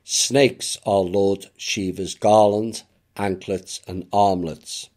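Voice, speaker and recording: A man with a deep, low voice talks through a reflective monologue at a very slow, deliberate pace. His tone is mellow and dark, and he drops in occasional offhand asides. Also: steady tone. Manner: measured, unhurried, with occasional asides. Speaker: esoteric channel narrator.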